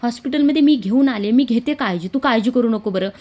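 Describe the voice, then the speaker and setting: A woman voicing a woman who calms someone down in a soothing, hurried way. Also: a little high, pitched above the performer's own voice, lightly acted. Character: calming woman hiding a secret.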